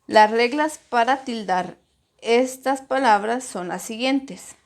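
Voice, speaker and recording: Woman schoolteacher, unhurried, a bit high-pitched, spells out syllables for young pupils. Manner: slow, deliberate, stresses syllables when modeling words. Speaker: primary school teacher. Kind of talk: recorded grammar lesson.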